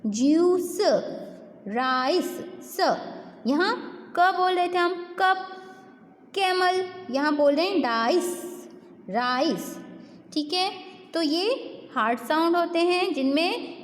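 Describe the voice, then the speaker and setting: Woman, kindergarten teacher, slow drilled phonics delivery, echoey classroom with long reverb. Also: extremely high pitch. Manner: slow, repeats each sound, asks and answers questions. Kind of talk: phonics lesson for young children.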